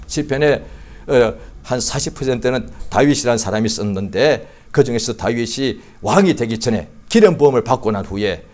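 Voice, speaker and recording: A male pastor preaching a sermon in a church, acting out psalm prayers with mounting fervor and at times shouting. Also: medium pitch. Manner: acts out psalm prayers in an impassioned voice.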